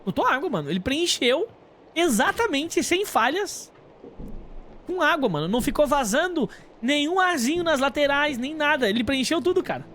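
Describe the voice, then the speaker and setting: A Brazilian male game streamer with a high-pitched, very lively voice that swings up and down. He talks informally to his chat, thinking out loud in loose slang, with faint noise behind him. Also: normal speed. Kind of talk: casual gameplay commentary.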